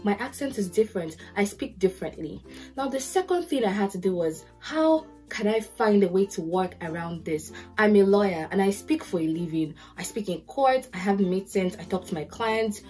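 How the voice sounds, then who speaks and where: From her curtained bedroom, a young Nigerian lawyer and podcast host chats to the camera with casual advice at normal speed. Her medium-pitched, Nigerian-accented voice brings lively storytelling and acted-out quotes, with faint music behind her.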